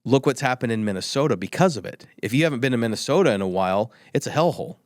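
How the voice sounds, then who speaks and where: A man's voice: mid-range voice, expressive, rapid-fire, dry recording, studio quality. A man speaking as a guest on an interview podcast, arguing his points emphatically and often repeating himself. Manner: emphatic, repetitive, argumentative. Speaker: guest, tech company executive. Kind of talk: opinionated interview talk.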